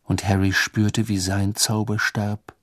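A man with a low voice reads a storybook aloud as narrator, expressive and dramatic. The sound is dry and close, with no room around it. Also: slow, no room sound. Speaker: audiobook narrator.

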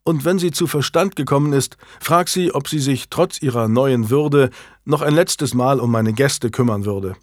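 A man voicing a calm, generous medieval lord who speaks earnestly in an audiobook. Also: medium pitch, moderate pace, no room sound, studio quality, close to an everyday voice.

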